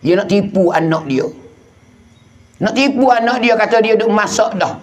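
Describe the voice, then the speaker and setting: Patani Malay male preacher, high voice, repeats phrases in a storytelling sermon. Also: moderate pace. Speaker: Islamic preacher. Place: outdoor field at night.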